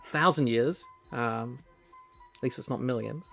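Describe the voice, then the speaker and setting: A man's voice: medium pitch, a little slow, creaky, fairly bright tone, faint music behind. A man giving casual, wry commentary as a co-host.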